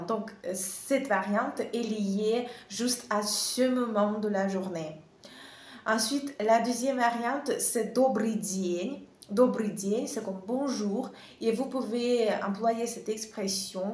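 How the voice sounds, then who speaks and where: Slow, careful woman. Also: medium pitch. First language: Russian. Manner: slow and careful, many hesitations, spells out pronunciation. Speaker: Russian language teacher. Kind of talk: slow online language lesson. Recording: echoey room.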